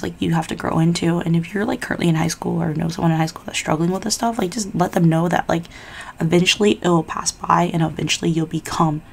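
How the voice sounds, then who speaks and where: A woman's voice: on the low side, creaky, darkish tone, slightly rough. A young adult woman vlogger chatting casually and giving personal advice in an informal, rambling, confiding way.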